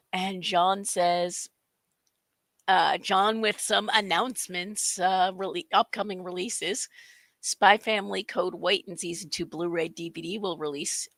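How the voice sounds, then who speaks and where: Woman, casual co-host, losing her voice, strained, lowish pitch, dry sound. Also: fairly bright tone, dry recording. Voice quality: strained, worn-out voice. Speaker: co-host of a live stream show. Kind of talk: casual chat.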